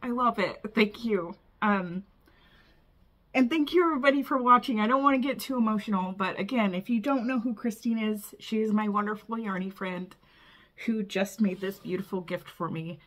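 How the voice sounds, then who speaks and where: A woman's voice: medium pitch, normal speed. A woman filming a casual unboxing vlog, bubbly and gushing, often breathless with delight. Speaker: vlogger.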